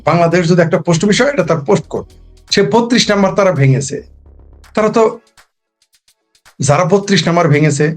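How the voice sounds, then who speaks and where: Guy going on about politics, high pitched, repeats himself a lot, soft music under it. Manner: rhetorical, repetitive, emphatic. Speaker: political commentator. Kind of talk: impassioned political talk.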